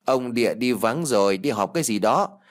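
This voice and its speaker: A man's voice: medium pitch, animated, normal speed, natural voice. A man voicing a blunt, scolding old male village shaman in a spoken ghost story. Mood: gruff.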